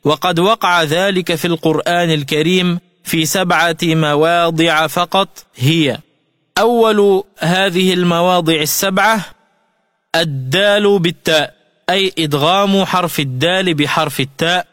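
A man giving a slow, scripted tajweed lesson on the radio, explaining rules and chanting melodic examples. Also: sits high, fairly bright tone, dry recording, clean studio sound, soft background music. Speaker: Quran recitation teacher. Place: radio studio.

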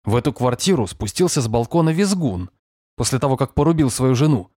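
A man's voice: medium pitch, a little fast, no echo, studio quality, pitched above the performer's own voice, natural voice. Man doing a stubborn young cop. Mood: defensive. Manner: steady, grumbling, factual report.

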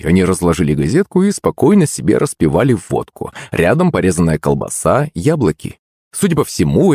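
A man narrating a first-person audiobook in a lively, wry storytelling manner. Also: low-pitched, slightly rough, no room sound, studio quality.

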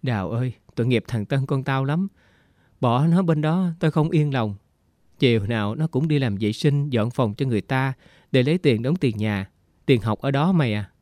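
A frail, homesick woman who is ill speaks in a plaintive, weary way, read by a man. The voice sits at an ordinary middle pitch. The sound is dry and close, like a storybook audio reading. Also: lively intonation, moderate pace, a little mellow, no echo, lightly acted. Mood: worried.

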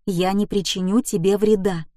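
A woman voicing a young man who speaks firmly and urgently in an audiobook, with a dark, mellow tone. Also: mid-range voice, steady tone, normal speed, no room sound, studio quality, lightly acted. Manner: urgent, insistent. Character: young man, firm and protective.

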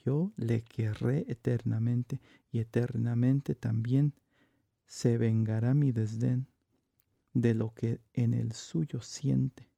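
A man plays a jealous, lovesick man torn between two loves, speaking classical verse in a slow, deliberate monologue. His voice is deep-toned and gravelly, with a dark timbre. The recording is dry and close, with no room sound. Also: fairly even intonation, no echo. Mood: brooding. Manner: measured, deliberate verse delivery.

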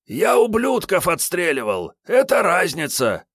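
A man voicing a hungover, boorish male vagrant gunman with a drink-roughened voice, grumbling and rude. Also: high-pitched, wildly swooping pitch, unhurried, fairly bright tone, no room sound, studio quality, voice pushed up, full character voice. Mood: indignant ranting. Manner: rude, grumbling, self-pitying. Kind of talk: audiobook character voice.

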